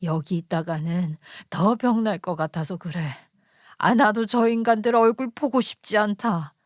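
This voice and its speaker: A woman voicing a frail, gentle elderly mother who is ill and speaks softly and apologetically. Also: mid-range voice, normal speed, dry recording, clean studio sound, close to an everyday voice. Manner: soft, quiet, apologetic. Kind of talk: storytelling radio narration.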